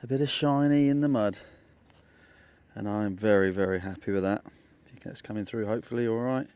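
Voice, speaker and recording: Excitable male metal-detecting vlogger outdoors. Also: fairly low pitch, brisk, clean tone. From England. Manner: chatty, excitable, talks to viewers. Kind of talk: casual outdoor vlog narration. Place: muddy field outdoors.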